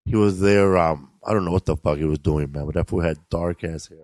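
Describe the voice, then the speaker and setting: A man's voice: deep voice, brisk, darkish tone, no echo. A middle-aged man, a comedian and host, telling stories in a casual, rambling and profane way. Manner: profane, rambling, laid-back delivery. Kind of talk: casual storytelling chat.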